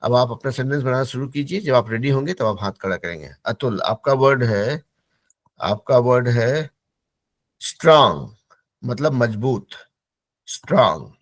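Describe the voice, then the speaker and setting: A man's voice: medium pitch, no echo. Patient male teacher drilling English words. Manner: patient, repeats words slowly for pronunciation drill. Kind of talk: online class instruction.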